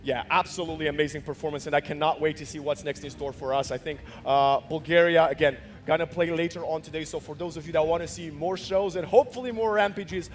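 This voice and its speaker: A male esports caster with a high-pitched voice talks through the match as host. Light music plays behind his commentary. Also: steady tone, fast talker, few pauses.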